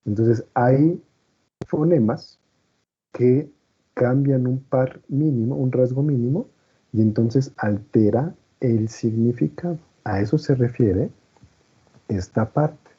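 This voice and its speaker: A man's voice: mid-range voice, slow, husky. A man teaching a class, explaining patiently and often checking that students follow. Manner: patient, checks understanding with frequent "¿no?" and "¿vale?". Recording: muffled lo-fi recording.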